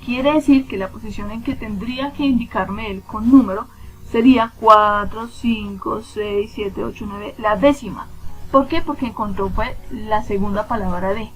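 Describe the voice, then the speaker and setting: A woman's voice: mid-range voice, moderate pace, faint music behind, rough recording. A woman teacher giving a screen-recorded spreadsheet lesson. She asks and answers her own questions and counts positions aloud step by step.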